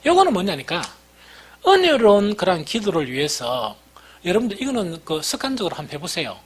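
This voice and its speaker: A man's voice: sits high, very animated, brisk. A middle-aged male pastor with a Gyeongsang dialect accent, preaching a sermon with folksy, self-deprecating stories.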